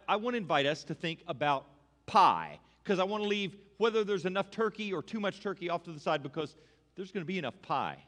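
Playful pastor in a reverberant sanctuary. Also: male voice, a little high, a bit bright. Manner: playful, audience-engaging, asks congregation to repeat. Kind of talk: conversational Thanksgiving sermon. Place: church sanctuary with congregation. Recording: long hall reverb.

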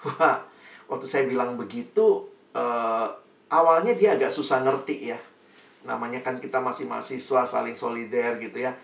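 A man giving a sermon testimony, telling his story in a lively way and acting out the lines of his friends. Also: mid-range voice, normal speed, gravelly. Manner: storytelling, acts out quoted friends. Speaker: pastor. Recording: echoey room, distant mic.

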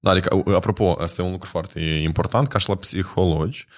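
Lively low-voiced young man chatting. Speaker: podcast guest. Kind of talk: casual chat.

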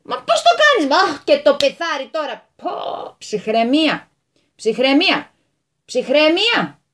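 A woman doing a fussy, flustered landowner. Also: sits high. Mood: exasperated. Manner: flustered, excitable, bossy. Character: fussy, hot-tempered male landowner, middle-aged. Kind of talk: radio storytelling.

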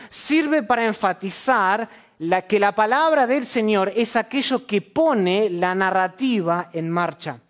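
A man, a church elder, preaching an expository sermon to a congregation, asking questions and answering them himself. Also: high-pitched. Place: church service.

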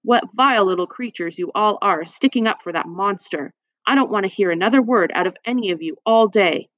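A woman's voice: medium pitch, a little fast, fairly bright tone, no room sound, close to an everyday voice. A spiteful hospital matron sneers in a cold, scornful voice, read by a woman for a storybook. The sound is dry and a little dull, close up with no room. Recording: dry, slightly muffled.

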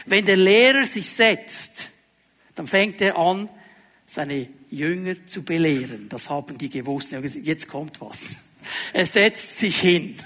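A male pastor preaching a sermon, asking the congregation rhetorical questions and dropping to quiet tones for emphasis. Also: a little high, animated, a little slow.

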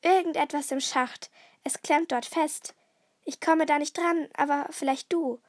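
A woman voicing an excitable young girl detective, eager and breathless. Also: high voice, normal speed, no echo, clean studio sound. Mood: excited.

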